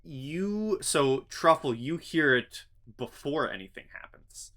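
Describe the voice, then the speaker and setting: A man running a tabletop fantasy game as game master, narrating in a halting way as he thinks aloud. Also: fairly high pitch, expressive, sharp tone, a little hiss or hum.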